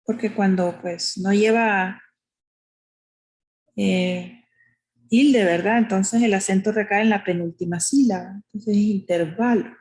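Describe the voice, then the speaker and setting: A woman with a medium-pitched, slightly mellow voice teaches a math lesson. She patiently explains each step, uses diminutives, and keeps checking in with "¿verdad?".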